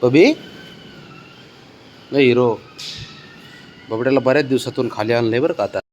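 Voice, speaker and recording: A man coaxing and pleading with his pet cat in a casual, affectionate pet-talk voice, his calls often rising high and sing-song, recorded outdoors. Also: moderate pace, darkish tone, lo-fi sound, a little hiss or hum. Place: outdoors below his home.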